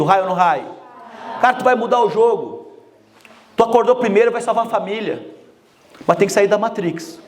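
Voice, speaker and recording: A man giving a motivational talk, energetic and joking, speaking straight to the audience. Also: high-pitched.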